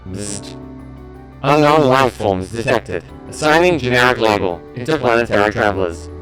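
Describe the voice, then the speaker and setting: A male streamer reading lines through a robot voice filter from his mixer, as a flat game robot. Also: medium pitch, moderate pace, faint music behind, voice pushed down, rough recording. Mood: robotic.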